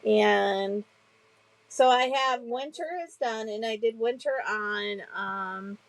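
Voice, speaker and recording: A woman co-hosting a casual chat, talking chattily and hesitantly with many pauses and fillers. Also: mid-range voice, fairly even intonation, creaky, low-quality recording. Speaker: co-host.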